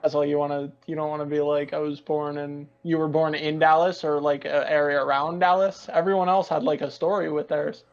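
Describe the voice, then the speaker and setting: A man's voice: on the high side, flat delivery, fairly quick, hardly any pauses. A young man in casual group chat, firing off dry, sarcastic comebacks. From Texas. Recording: slightly dull lo-fi mic.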